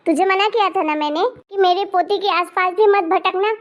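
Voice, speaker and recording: A woman voicing a haughty old grandmother in an animated cartoon, scolding harshly and with contempt. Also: very high-pitched, normal speed, lo-fi sound.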